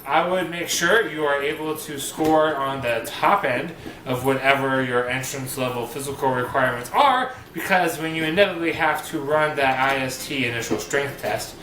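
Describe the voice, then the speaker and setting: A man's voice: medium pitch, normal speed, pushed and bright. A man giving casual advice to viewers in a rambling, joking, conversational way. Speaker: vlogger giving boot camp advice. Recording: roomy echo, faint hiss.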